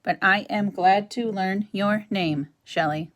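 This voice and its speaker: A woman reading a children's novel aloud, voicing a calm, gentle female robot mother who speaks politely and precisely. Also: medium pitch, close to an everyday voice. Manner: polite, precise, measured speech.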